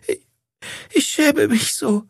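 A male narrator voicing a distraught young woman in an audiobook, her lines shrill and tearful. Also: slow, vocal fry, no echo, clean studio sound, heavily acted. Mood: sobbing. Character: distraught young woman, shrieking then sobbing.

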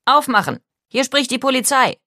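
A woman's voice: fairly low pitch, sing-song, a little fast, pushed and bright, no echo, studio quality, exaggerated voice. Woman doing a barking male cop. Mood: commanding. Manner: barking commands. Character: stern shouting male police officer.

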